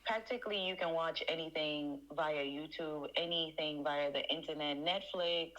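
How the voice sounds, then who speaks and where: A woman co-hosting a podcast, chatting and explaining in a relaxed way. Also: sits low, moderate pace, dull audio. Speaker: podcast co-host. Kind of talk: casual chat.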